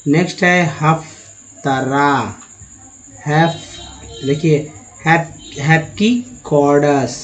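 A man leads an English reading lesson, sounding out one word after another at a very slow, drawn-out pace. His voice sits a little high. The recording is dull and lo-fi.

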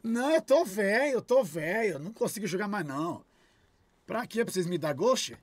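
A man's voice: high voice, sing-song, normal speed, dry recording. Sarcastic swearing man streamer. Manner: irritated, sarcastic ranting with heavy swearing. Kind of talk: casual live-stream chat.

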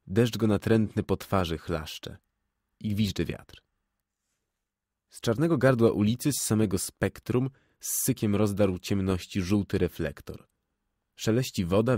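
A man giving a theatrical poetry recitation in a close studio recording, swinging between loud cries and hushed murmurs. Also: lowish voice, dry recording. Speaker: poetry reader.

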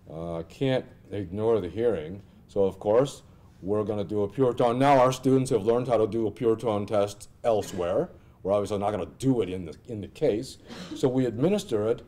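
A middle-aged American man giving an informal lecture with a software demonstration, thinking aloud and asking rhetorical questions. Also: fairly low pitch. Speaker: instructor presenting clinical simulations. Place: indoor classroom at a lectern.

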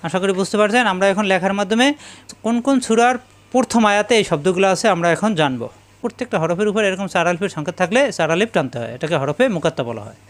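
A man teaching Quran letter pronunciation step by step, drilling each letter slowly and chanting drawn-out Arabic sounds. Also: sits high, animated. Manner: slow, drilling letter sounds one by one and repeating them.

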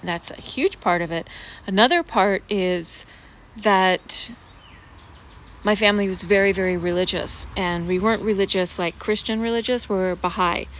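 Seated outdoors in a leafy garden, a woman in her forties vlogs to a phone held at arm's length. A US expatriate who grew up around the Pacific Basin, she speaks at a medium pitch with a fairly bright tone, casual and reflective, pausing thoughtfully as she goes. Crickets seem to chirp amid the clear outdoor noise.

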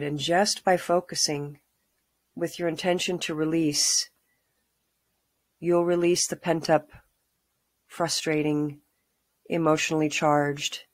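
A middle-aged woman leading a calm guided grounding exercise, giving soothing, unhurried instructions with pauses. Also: sits low, dry recording. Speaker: meditation guide. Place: small room at home, indoors.

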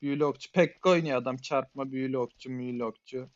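A man's voice: mid-range voice, steady tone, fast talker, lo-fi sound, soft background music. A man giving a live, muttered running play-by-play while he plays a game, often exasperated. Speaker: game streamer. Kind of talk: live gameplay commentary.

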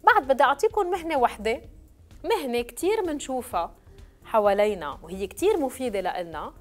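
Woman, French teacher, fairly high and animated, drills words slowly and clearly. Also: faint music behind. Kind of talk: televised classroom lesson.

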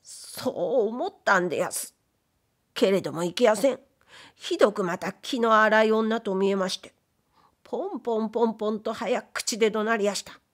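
A woman's voice: medium pitch, moderate pace, close to an everyday voice. A woman reading aloud, voicing a humble, timid male ghost who was once a wastepaper dealer, speaking in polite, plaintive old Edo commoner speech. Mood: aggrieved. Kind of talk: audiobook reading of period fiction.

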